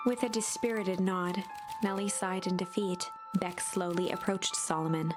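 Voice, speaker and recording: A woman's voice: on the low side, fairly even intonation, moderate pace, music in the background. A woman reading scripted story narration as the narrator.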